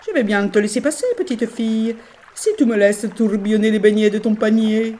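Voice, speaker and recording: A woman's voice: on the high side, steady tone, a little fast, mellow, pitched above the performer's own voice, lightly acted. A woman storyteller voicing a playful male river spirit with a showy, singsong way of talking. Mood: grand.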